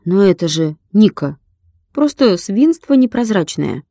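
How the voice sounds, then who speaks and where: A woman's voice: medium pitch, very animated, measured pace, mellow, no room sound, clean studio sound. A woman voicing a stubborn, whiny young boy nursing a hurt knee, talking in a sulky, pleading way.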